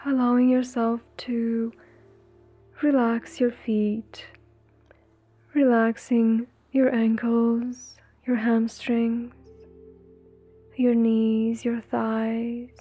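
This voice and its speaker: With faint music playing behind her, a woman leads a guided meditation in a soothing, breathy, gentle manner, leaving long pauses between phrases. Her pitch is fairly high and her tone level.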